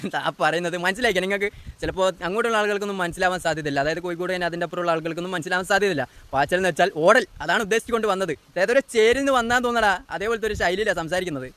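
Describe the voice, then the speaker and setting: Brief: male reaction host, high-pitched and rapid-fire, teasing and mocking. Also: pushed and bright, clean tone. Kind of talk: mocking political commentary.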